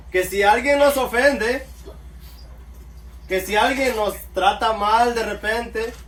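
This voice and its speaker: A man's voice: high voice, a bit bright. A man preaching a sermon, calling his listeners brothers and answering himself with amen. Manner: addresses listeners as brothers, calls out amen often. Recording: echoey room, mic far off, faint background noise.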